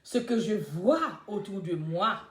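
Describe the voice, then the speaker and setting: An older woman with a Mauritian accent, hosting a casual live chat and telling stories in a lively way, swinging between loud and soft talk. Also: medium pitch, slow. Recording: roomy echo.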